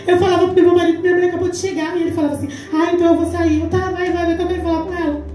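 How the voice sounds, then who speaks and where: High-voiced Brazilian woman preaching in echoey church. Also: little pitch movement, racing. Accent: Brazilian Portuguese. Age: 40s. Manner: emphatic storytelling, acting out quoted dialogue. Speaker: deaconess preaching. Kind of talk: testimony sermon at a church women's congress. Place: large church hall. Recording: echoey church hall from far off, faint music.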